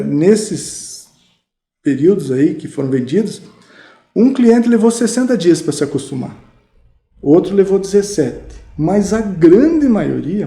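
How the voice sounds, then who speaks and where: Animated Brazilian man with a dark voice. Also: a little high. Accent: Brazilian Portuguese. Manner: animated, lively anecdotes with many fillers. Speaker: guest, mattress salesman. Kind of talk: casual storytelling interview. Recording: roomy podcast studio.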